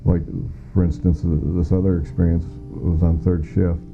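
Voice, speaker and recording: A former air traffic controller's interview testimony: a middle-aged American man, plain and matter-of-fact, recounting what he saw himself. His gravelly, low voice comes out flat at a normal speed. Faint music lies behind the muffled, lo-fi recording.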